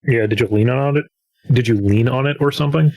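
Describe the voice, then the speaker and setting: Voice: mid-range voice, brisk, crowd noise. A player in a tabletop game who checks in with short questions, chatting casually and heard remotely over a voice call. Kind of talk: casual chat.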